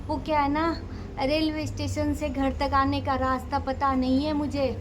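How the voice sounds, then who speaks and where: A woman's voice: high voice, flat delivery, a little slow, background noise, pitched below the performer's own voice. A woman voicing a talkative elderly aunt who speaks over a speakerphone, rambling and hesitant. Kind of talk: short film acting.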